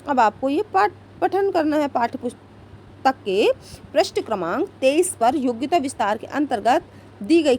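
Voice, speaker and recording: High-voiced woman teaching a workbook lesson. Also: slight background noise. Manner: explains each question and reads out answers, asking "है ना?".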